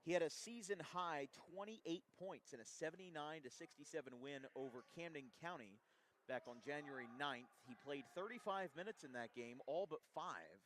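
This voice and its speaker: A man calling a college basketball game play by play, his calls rising sharply on made shots and settling into steady stat reading between plays. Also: fairly high pitch, normal speed. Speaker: play-by-play commentator.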